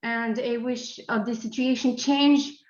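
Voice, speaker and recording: A woman student giving halting thanks at the end of an online webinar, with many fillers and restarts. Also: on the high side, fairly even intonation, soft background music. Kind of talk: online meeting remarks. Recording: echoey, dull call audio.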